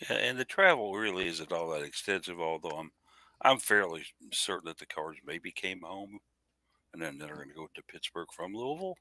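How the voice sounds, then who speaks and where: A man's voice: deep voice, normal speed, no echo. A man co-hosting a sports podcast, recapping a volleyball match in casual chat. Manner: lively play-by-play recap. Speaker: podcast co-host.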